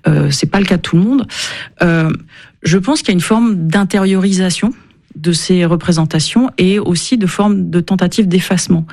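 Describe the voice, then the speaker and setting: A woman's voice: lowish voice, normal speed, darkish tone. A woman speaking as an expert guest in a radio interview, thoughtful and hesitant, with many fillers.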